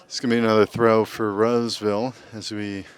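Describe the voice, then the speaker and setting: A man's voice: lowish voice, little pitch movement, a little fast, clean tone. A man giving casual, joking live play-by-play commentary on an amateur soccer match. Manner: joking, informal, tries bits of Spanish.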